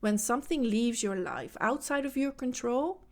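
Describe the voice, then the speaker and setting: She talks at a moderate pace in a slightly high, animated, somewhat mellow voice. A native Dutch speaker from the Netherlands, she uses accented English for an earnest motivational podcast monologue, coaching mothers and speaking straight to the listener.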